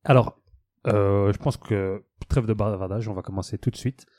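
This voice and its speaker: A man's voice: on the low side, steady tone, moderate pace, darkish tone, no echo. Young man reading a quiz, dry sound. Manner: joking, reads quiz questions aloud. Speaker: podcast co-host running a quiz game. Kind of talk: casual podcast chat.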